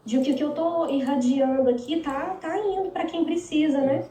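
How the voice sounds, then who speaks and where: A woman's voice: high-pitched, normal speed, mellow. A woman in a study group, joining the discussion with hesitant, thinking-aloud remarks. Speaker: group participant. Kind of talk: casual discussion. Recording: distant from mic, roomy echo, faint noise.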